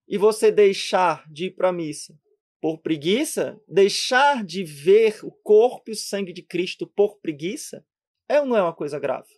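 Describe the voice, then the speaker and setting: Emphatic Brazilian priest preaching live. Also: male voice, sits high, lively intonation, a little mellow. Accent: Brazilian Portuguese. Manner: emphatic, full of rhetorical questions, speeds up and slows down for effect.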